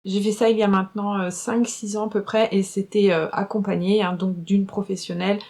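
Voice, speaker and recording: A woman speaks straight to her viewers about something she went through, explaining it step by step. Her pitch sits in an ordinary middle range, and she often breaks off with small fillers before going on. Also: flat delivery, fairly quick, a little mellow. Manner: explanatory, frequent hesitations and fillers. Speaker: YouTuber sharing a personal testimony. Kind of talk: casual talking-head testimony.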